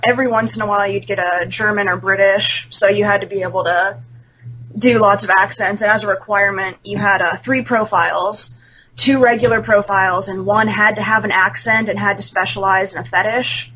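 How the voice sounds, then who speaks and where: A woman's voice: medium pitch, steady tone, brisk, sharp tone, a little hiss or hum, low-quality recording. A woman in her twenties, a podcast guest on a video call, talking candidly and laughing often. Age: 20s. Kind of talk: casual podcast chat. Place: at home on a call.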